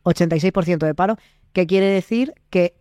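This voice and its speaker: A man's voice: high-pitched, a little fast, darkish tone, no echo, studio quality. A young Spanish man, an actor, explaining his work in casual interview chat and acting out quoted dialogues. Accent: Spain Spanish. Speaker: actor and podcast guest.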